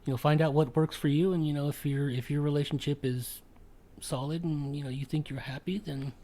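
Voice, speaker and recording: A man's voice: on the high side, steady tone, a little fast, warm tone. Male podcast host, casual chat, hesitant delivery with frequent fillers. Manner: hesitant, full of ums and restarts.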